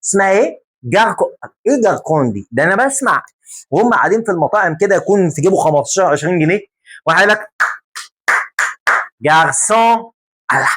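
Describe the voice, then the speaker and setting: A man with an Egyptian Arabic accent teaching a French lesson in a lively, joking way, repeating words slowly to drill them. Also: high voice, slightly rough.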